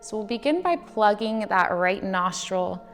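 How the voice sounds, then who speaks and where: A woman in her thirties guiding a somatic yoga meditation as instructor, in a gentle, measured, soothing manner with drawn-out phrases. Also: mid-range voice, big pitch swings. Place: indoors, decorated studio room. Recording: reverberant hall sound with faint music. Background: faint music.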